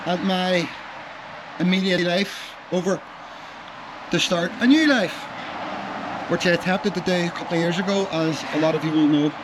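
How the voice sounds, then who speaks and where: A man's voice: sits high, normal speed, long pauses, background noise. A man from Northern Ireland with a Northern Irish accent, chatting casually to his vlog in a rambling way that trails off and changes track mid-thought. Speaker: travel vlogger. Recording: loud music over the voice.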